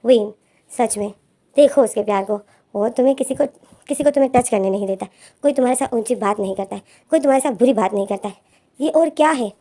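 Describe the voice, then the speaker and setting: A woman's voice: on the high side, fast, dark tone. A woman voicing a bossy young male student who teases and scolds his friend. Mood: scolding. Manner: scolding, teasing.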